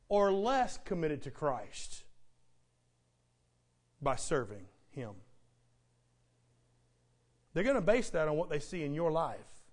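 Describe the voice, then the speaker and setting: A man's voice: a little high, a little mellow. A man preaching a sermon as pastor, building emphasis through repetition.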